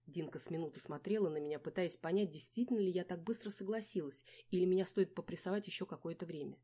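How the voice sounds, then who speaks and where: Brief: woman audiobook narrator, somewhat low, warm tone, wry first-person reading. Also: fast talker, husky.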